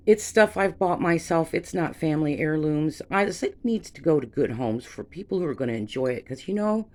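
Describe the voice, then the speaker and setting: A woman's voice: sits low, darkish tone. Rambling sentimental older woman vlogger. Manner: rambling, sentimental, chatty asides to viewers. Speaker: vintage glass reseller. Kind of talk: casual vlog chat.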